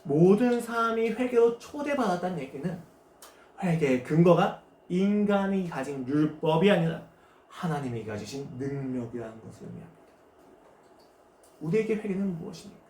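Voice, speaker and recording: Male pastor, animated sermon delivery, rhetorical questions, roomy church sound. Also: high-pitched, normal speed. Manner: lively preaching with rhetorical questions and acted quotes. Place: church sanctuary. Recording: echoey church room, faint noise.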